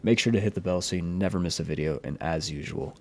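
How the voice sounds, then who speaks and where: A man's voice: deep voice, quick pace, darkish tone. A man narrating a true-crime story for his channel, in a plain, earnest retelling with a few opinions of his own. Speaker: YouTube horror storyteller.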